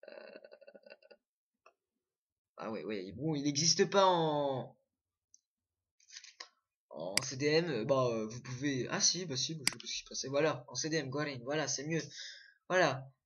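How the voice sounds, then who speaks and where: A man's voice: on the high side, breathy edge, highs cut off. A young man casually commenting on his own screen recording, full of fillers and self-corrections. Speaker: gaming video creator.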